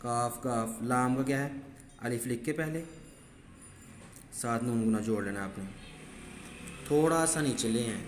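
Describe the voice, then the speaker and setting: A man's voice: mid-range voice, a little slow, long pauses. A man teaching students how to write letters, explaining each stroke patiently and step by step. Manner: patient, step-by-step, repeats "ठीक है". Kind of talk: handwriting lesson. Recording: echoey room with faint background noise.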